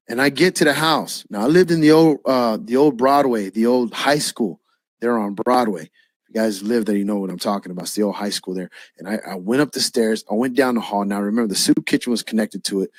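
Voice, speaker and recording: A man preaching his own testimony as a lively storyteller, acting out the dialogue and dropping a casual "man" now and then. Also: mid-range voice, no echo, clean studio sound. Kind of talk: spoken personal testimony.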